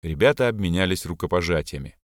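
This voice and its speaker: A man reads a first-person memoir aloud in a reflective, expressive manner. His voice sits on the low side but swings widely in pitch. The recording is dry and close. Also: fast talker, dry recording. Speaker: audiobook narrator.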